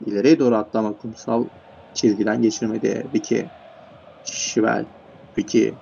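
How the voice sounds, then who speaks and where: A man's voice: fairly low pitch, little pitch movement, moderate pace, vocal fry, a little mellow, muffled recording, a little hiss or hum. A man commentating an online football game, rattling off player names and rising sharply when goals go in. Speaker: play-by-play commentator. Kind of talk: esports match commentary.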